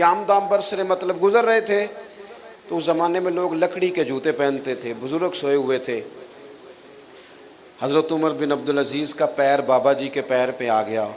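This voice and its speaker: A man delivering a religious sermon, telling stories and acting out the voices in them. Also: a little high. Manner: animated storyteller, acts out quoted voices. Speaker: Islamic preacher. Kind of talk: Urdu religious sermon with storytelling.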